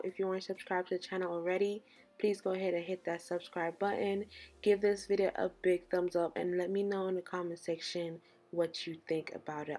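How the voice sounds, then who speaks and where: A woman's voice: on the low side, warm tone. A woman hosting a DIY craft tutorial in a casual, conversational style.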